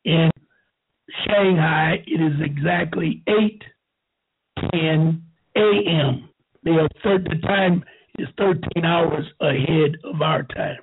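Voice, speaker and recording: A man in his seventies telling a rambling story slowly, with halting restarts. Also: a little high, gravelly, slightly rough. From United States. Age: 70s. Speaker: show host. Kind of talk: rambling talk. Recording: tinny phone-like line.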